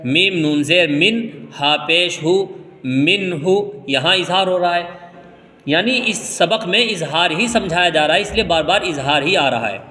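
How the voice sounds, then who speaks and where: Man from India, Quran reading teacher, bright voice, long echo, slow spelled-out letters. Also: high voice. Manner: spells out letters slowly, then explains rules quickly. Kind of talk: step-by-step recitation lesson.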